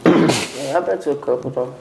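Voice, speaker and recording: A man's voice: medium pitch, moderate pace, darkish tone. A man in casual group banter, talking in loose, slangy, conversational phrases. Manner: slangy, conversational, repeats "you know what I'm saying". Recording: echoey room with clear background noise.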